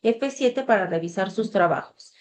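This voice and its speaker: A woman's voice: medium pitch, lively intonation, normal speed, darkish tone, a little hiss or hum. A woman leads an online class as a tutor. She talks in a loose, conversational way and leans on fillers as she goes. Her voice comes through a video-call microphone. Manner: conversational, reads the chat aloud, filler "este".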